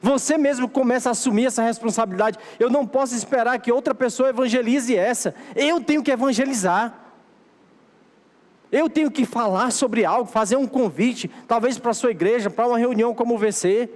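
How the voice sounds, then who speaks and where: High-voiced Brazilian pastor preaching in a hall. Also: male voice, a little fast. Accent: Brazilian Portuguese. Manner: exhorting, repetitive preaching cadence. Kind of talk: sermon. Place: church sanctuary. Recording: long hall reverb of a church.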